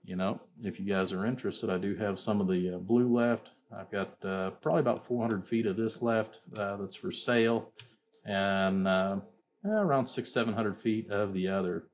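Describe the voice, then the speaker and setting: In an informal product demo, a man with a very deep voice presents amplifiers he builds and sells. He talks at a normal speed but rambles, leaning again and again on "you know" and "like I said."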